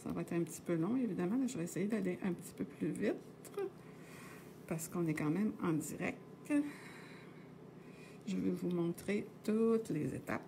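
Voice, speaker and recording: A woman's voice: fairly low pitch, moderate pace, creaky, long pauses, dark tone, slight background noise. Chatty Québécois woman teaching knitting. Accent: Québécois French. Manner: chatty and meandering, with many "euh" and tag "là". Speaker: knitting instructor on a live stream. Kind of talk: casual live knitting tutorial.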